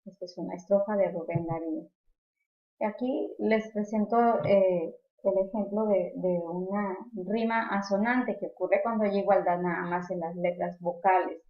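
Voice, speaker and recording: A woman's voice: mid-range voice, fairly even intonation, normal speed. A woman teacher explaining poetic devices and verse types in a lecture, often repeating a word while she finds the next one. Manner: explanatory, repeats words while searching for them. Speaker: literature teacher. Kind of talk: recorded lecture on poetry. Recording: echoey room, slightly dull sound.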